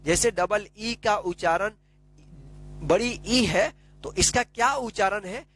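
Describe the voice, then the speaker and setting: A man's voice: high voice, takes it slowly, fairly bright tone, a little hiss or hum. A man teaching a phonics lesson, spelling words out letter by letter and asking and answering his own questions. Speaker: English teacher.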